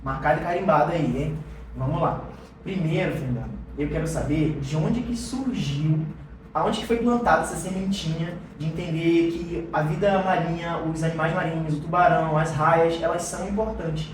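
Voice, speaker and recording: A man's voice: on the high side, slight background noise. Enthusiastic man hosting, echoey room. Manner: enthusiastic, slow-paced, stumbling. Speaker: podcast host. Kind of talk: casual podcast interview. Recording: echoey room, distant mic.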